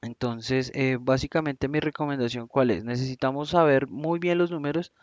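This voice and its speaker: A man with a Colombian Spanish accent teaching a recorded English lesson, slowly and deliberately, spelling out sounds one by one. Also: mid-range voice, darkish tone, dry recording. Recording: dull, lo-fi sound.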